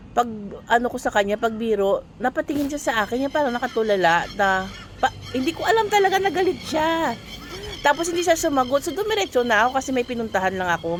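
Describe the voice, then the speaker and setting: A woman's voice: fairly high pitch, a little hiss or hum. A woman from the Philippines working abroad, telling an earnest, conversational story straight to her viewers. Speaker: overseas worker and vlogger. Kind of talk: casual storytelling monologue.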